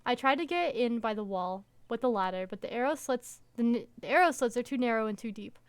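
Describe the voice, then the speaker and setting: A woman reading the lines of a pushy, possessive male ex-partner in a visual novel game, in her own higher voice. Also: fairly quick, smooth, natural voice. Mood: matter-of-fact. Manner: plain, even reading of the lines.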